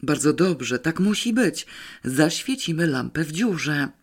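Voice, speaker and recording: A man playing an earnest young boy who is quick to get carried away. He speaks with emphatic conviction in a storybook reading. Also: a little high, expressive.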